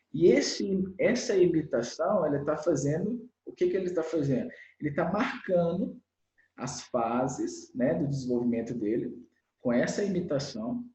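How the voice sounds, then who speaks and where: A man with a Brazilian Portuguese accent, a children's educator being interviewed, explaining in an animated way and acting out the lines of parents and children. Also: a little high, roomy sound, low-quality recording. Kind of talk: explanatory conversational talk.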